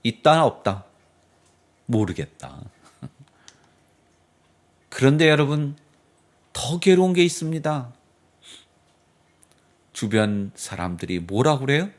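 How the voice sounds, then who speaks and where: A man's voice: medium pitch, big pitch swings, takes it slowly, long pauses. A male pastor delivering a Sunday sermon in church, telling the story dramatically and asking the congregation rhetorical questions. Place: church sanctuary.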